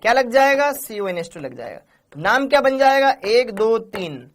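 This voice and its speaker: A man's voice: extremely high pitch, very animated, moderate pace. Chatty Hindi-speaking male chemistry teacher. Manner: chatty, calls students beta, repeats answers. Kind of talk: live online class.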